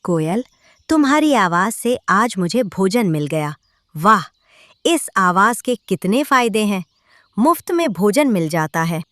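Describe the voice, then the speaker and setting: A woman acts out a greedy, envious male crow from a children's cartoon. The delivery is insistent and grumbling, swinging widely in pitch. The sound is dry, with no room around it. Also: big pitch swings, measured pace, fairly bright tone, no room sound. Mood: gloating. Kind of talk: children's cartoon story acting.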